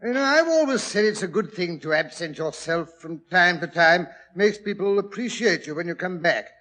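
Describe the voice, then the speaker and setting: Doctor Watson, animated genial English storyteller. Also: male voice, sits high, normal speed. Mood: reminiscing. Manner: chatty, old-fashioned gentlemanly, expressive. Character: genial, chuckling English doctor reminiscing about detective adventures. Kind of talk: 1940s radio drama storytelling.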